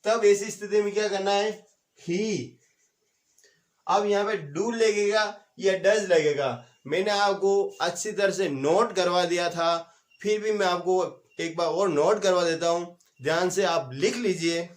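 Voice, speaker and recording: A man's voice: high-pitched, fairly even intonation. A man teaching an English grammar lesson online, explaining step by step, asking questions and answering them himself. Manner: repeats key examples slowly for note-taking.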